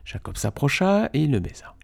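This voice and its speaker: A man reading a Bible chapter aloud in a steady, measured way. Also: fairly high pitch, creaky. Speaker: Bible reader.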